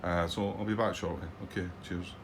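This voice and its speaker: Deep-voiced and brisk, this middle-aged Scottish man keeps a fairly even intonation against slight background noise. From his desk at home, the board wargame channel host rambles through casual commentary on a solo game, full of ums and false starts.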